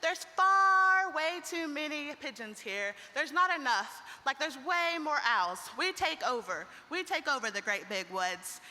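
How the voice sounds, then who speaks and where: A woman's voice: sits high, expressive, a little slow, few pauses, pushed and bright, heavily acted. A young woman voicing a boastful male owl in a told folk story, taunting and bossy, in a reverberant hall. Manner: bragging, taunting. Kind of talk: storytelling performance.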